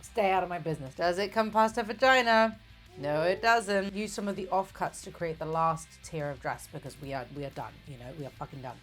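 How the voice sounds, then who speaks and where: A woman's voice: on the low side, lively intonation, brisk, soft background music. A tipsy, giggly, rambling woman chatting casually as host of a comic baking vlog, sweary, self-mocking and playfully crude. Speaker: host of a comedic baking video.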